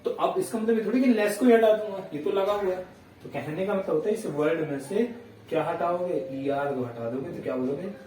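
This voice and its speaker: A man's voice: sits high, darkish tone, slight background noise. Male tutor, patient step-by-step explainer, recorded from a distance in a reverberant classroom. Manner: explains step by step, checks in with students; dictates sentences slowly word by word. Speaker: teacher. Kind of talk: classroom grammar lesson. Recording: echoey room, voice heard from a distance.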